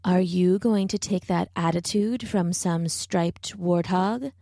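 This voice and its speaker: A woman's voice: lowish voice, mellow, no room sound, clean studio sound. A woman voicing a sly scheming vulture. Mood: sly flattering. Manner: slow, whispering, wheedling. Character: wicked scheming male vulture, sly flatterer.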